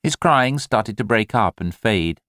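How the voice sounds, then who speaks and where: A male narrator reads scripted literary fiction for an audiobook in a fairly low voice with very lively intonation. His delivery is measured and expressive, and the recording is very dry.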